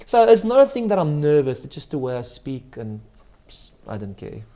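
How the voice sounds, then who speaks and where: A man's voice: a little high, sing-song, moderate pace, warm tone. A man, a guest magician in a casual interview, speaks with a slight stutter and lisp and jokes about himself often. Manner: self-mocking, jokey, laughs often.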